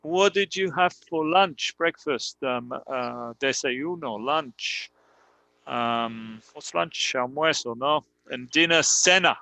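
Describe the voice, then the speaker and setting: A man teaching in on a live stream, explaining slowly and patiently with many fillers. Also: mid-range voice, gravelly, pushed and bright, no room sound, low-quality recording. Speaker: English teacher. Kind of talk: live online English lesson in Spanish.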